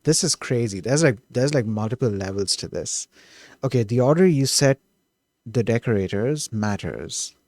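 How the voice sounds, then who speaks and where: On a live stream, a man thinks out loud while coding, eager and animated, often breaking off to correct himself and restart a thought. His voice is at an ordinary middle pitch and moves at a moderate pace, sounding close and dry with no room sound behind it.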